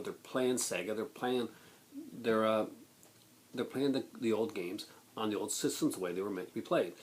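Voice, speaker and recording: A man in a blunt, exasperated rant to viewers, halting and then bursting into emphasis. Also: on the low side. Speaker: video blogger. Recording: noticeable background noise.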